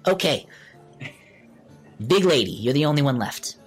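A man's voice: on the high side, lively intonation, husky, soft background music, pitched above the performer's own voice. A man voicing a nasally, brusque halfling cook who serves food in a dining hall. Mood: gruff. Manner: blunt, hurried, chatty.

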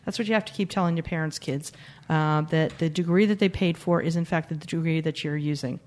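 A woman's voice: low voice, brisk, darkish tone. A woman co-hosting a podcast, chatting casually and introducing guests with wry, joking asides. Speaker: podcast co-host.

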